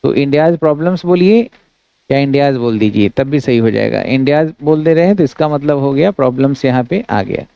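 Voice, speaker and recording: Man teaching grammar, dark dry voice. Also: mid-range voice, gravelly, smooth, dry recording, muffled recording. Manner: reads English sentences slowly, explains in Hindi; addresses students as friends, steady instructive delivery. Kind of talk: exam-prep grammar lesson.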